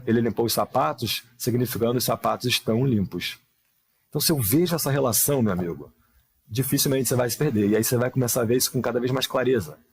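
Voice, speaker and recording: During a live online English grammar lesson, a man explains things patiently and keeps asking rhetorical questions. He reads the examples slowly and carefully in a mid-range voice with vocal fry and slight roughness.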